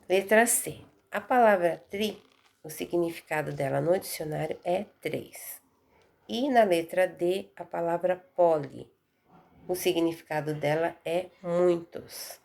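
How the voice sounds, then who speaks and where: A woman teacher with a Brazilian accent and a low, very gravelly voice walks pupils through a recorded lesson. She explains each step patiently and keeps checking that everyone understands. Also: measured pace, a little mellow. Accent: Brazilian Portuguese.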